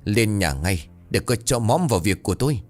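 A man's voice: lowish voice, very animated, brisk, faint music behind. A man voicing a cruel old village elder who gloats and snarls menacingly. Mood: snarling. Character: vicious old village elder working a curse.

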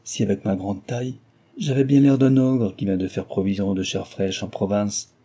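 A man voicing a gentle, tall aristocratic marquis who speaks in a measured way. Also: on the low side, steady tone, close to an everyday voice.

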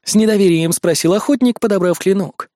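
A man narrating a story in a lively, expressive first-person audiobook reading. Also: high voice, fairly quick, no room sound, studio quality.

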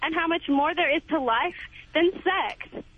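A woman's voice: high voice, a little slow. A woman calling in to a radio show, lecturing in an indignant tone. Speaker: caller. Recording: tinny phone line.

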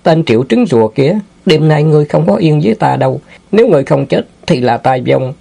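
A man's voice: fairly high pitch, animated, a little fast, gravelly, mellow, pitched above the performer's own voice. A man voicing a hot-tempered young male hero in an audiobook, fierce and threatening. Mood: furious.

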